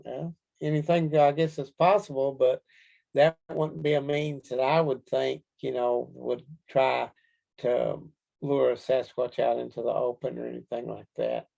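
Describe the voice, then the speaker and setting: A man with a Kentucky accent answering interview questions casually, in a folksy, halting storytelling way. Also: medium pitch, flat delivery, gravelly, dark tone, dull audio. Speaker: interview guest, Bigfoot researcher.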